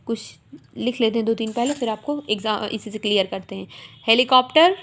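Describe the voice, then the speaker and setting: A woman teacher, slowly explaining a grammar lesson and spelling words out letter by letter. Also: fairly high pitch, a bit bright. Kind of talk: Hindi grammar lesson explaining English articles.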